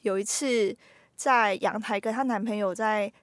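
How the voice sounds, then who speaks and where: A woman's voice: medium pitch, a little slow, no room sound. Young woman telling ghost stories. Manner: lively storyteller, builds suspense. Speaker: podcast host. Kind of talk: casual ghost-story telling.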